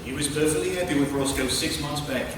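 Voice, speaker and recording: A man's voice: on the high side, fast, lightly acted. A man playing a blustering, shifty father in a farcical stage comedy. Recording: echoey hall, distant mic, clear noise.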